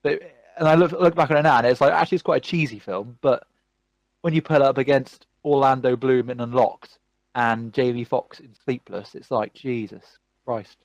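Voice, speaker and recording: A man hosts a casual podcast chat, rambling and ranting with lively enthusiasm. His voice sits at an ordinary middle pitch. The sound is dry and close, with no room echo. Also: normal speed. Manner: animated, rambling movie ranting. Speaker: podcast host.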